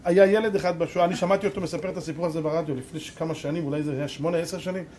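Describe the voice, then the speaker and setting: A rabbi giving a sermon, telling a story dramatically and swinging between loud and hushed. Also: male voice, fairly high pitch, steady tone, slight background noise. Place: live lecture event.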